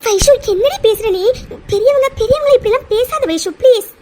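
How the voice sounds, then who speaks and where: A woman voicing a young woman in a cartoon story who is soft-spoken and caring and talks in a pleading, hesitant way. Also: very high-pitched, fairly quick, slight background noise. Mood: soothing.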